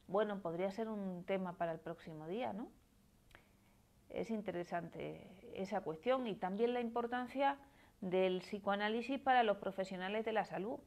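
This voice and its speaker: A woman in her forties with a Málaga accent explains ideas on a live stream, reading out viewers' comments and answering them. Her pitch sits in a middle range. She talks in an explanatory way, often tagging her points with a questioning "¿no?". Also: normal speed, a little mellow. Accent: Spanish from Málaga. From Spain. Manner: explanatory, tags phrases with questioning "¿no?". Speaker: psychoanalyst.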